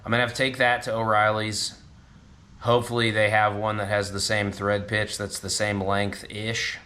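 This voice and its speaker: Here the man's fairly low voice comes across flat and sharp, at a normal pace. He's hosting his garage channel from home, rambling through a casual narration and joking about himself while he works at and under a car.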